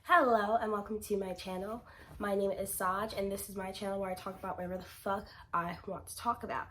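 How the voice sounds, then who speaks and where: A woman's voice: medium pitch, steady tone, a little fast, very noisy. A woman talking straight to camera on her own channel, sick and breathing through her mouth, so she runs short of breath. Her delivery is blunt and opinionated, with casual swearing. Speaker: channel host. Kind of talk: casual commentary vlog.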